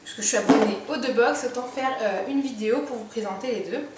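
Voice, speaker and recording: A woman talking casually while she unboxes beauty products for her viewers, chatty and thinking aloud with many small pauses. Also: fairly high pitch, far from the mic, heavy background noise. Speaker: beauty vlogger. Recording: very echoey room, voice set back from the mic.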